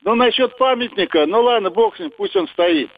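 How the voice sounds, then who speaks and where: A man's voice: very high voice, sing-song, brisk, vocal fry. A man from the Moscow region calling in to a radio show over a faint phone line that keeps breaking up, rambling and asking rhetorical questions. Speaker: caller. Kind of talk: call-in radio comment.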